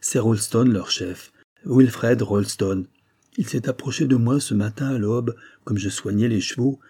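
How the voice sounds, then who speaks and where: A man's voice: on the low side, mellow, husky. A man reading a servant giving a plain account. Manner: plain, detailed report. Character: male servant recounting events.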